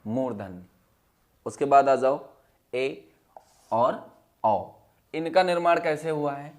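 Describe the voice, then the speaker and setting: A man teaching a Hindi class, asking questions and repeating the answers in a steady drill, his voice dropping low and quiet on each answer. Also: slow pace. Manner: drops to a low, quiet voice when giving the answers. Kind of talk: classroom lesson.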